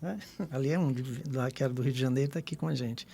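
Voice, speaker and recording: A man with a gravelly edge to his voice hosts a live radio podcast. He reads a prepared introduction in a formal way and puts his questions plainly to his guest. His pitch sits in an ordinary middle range. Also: quick pace, dark tone, a little hiss or hum.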